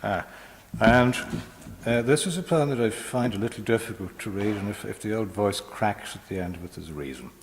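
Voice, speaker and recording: A man giving a live poetry reading as the poet, measured in the verse, with wry, hesitant asides between poems. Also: lowish voice, creaky, a little hiss or hum. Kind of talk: poetry reading with casual introductions. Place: hall, live reading to an audience. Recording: echoey hall with long reverb.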